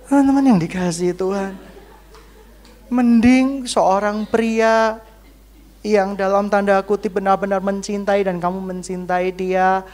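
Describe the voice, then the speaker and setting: A woman pastor preaching a church sermon, swinging between loud exclamations and hushed near-whispers. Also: medium pitch, fairly even intonation, slow.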